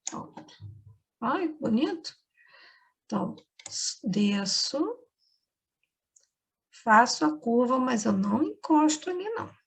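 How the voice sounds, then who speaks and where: Brazilian woman teacher, slow patient explaining, fairly high voice, lesson for kids. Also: sing-song, creaky, breathy edge. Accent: Brazilian Portuguese. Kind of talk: remote class lesson for children.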